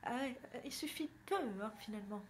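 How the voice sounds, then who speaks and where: Her pitch is fairly high, and she talks expressively at a fairly quick clip. This young northern French beauty vlogger gives a casual, self-deprecating makeup tutorial from indoors at home, near a window.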